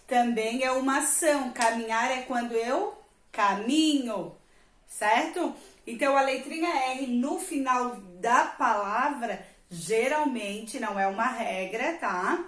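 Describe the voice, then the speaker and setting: Speaking slowly in a fairly high voice, this woman is a primary school teacher giving young children a reading lesson. The room echoes as she patiently draws out and emphasizes each example word, pausing often to check they're following.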